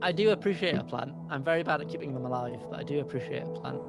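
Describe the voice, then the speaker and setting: A young man playing a co-op game with a friend, answering briefly in a relaxed way. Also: a little high, racing. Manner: laid-back, brief replies ending in "over". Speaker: co-op gaming partner. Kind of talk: casual chat while gaming. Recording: loud game music behind.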